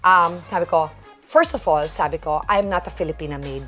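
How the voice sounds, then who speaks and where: A woman comedian in casual storytelling at her home, animated and acting out the voices she quotes. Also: low-pitched, moderate pace, soft background music. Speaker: guest comedian.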